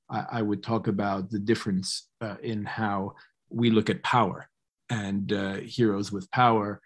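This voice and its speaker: A man hosting a podcast interview, asking questions in a conversational way with hesitant restarts. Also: on the low side.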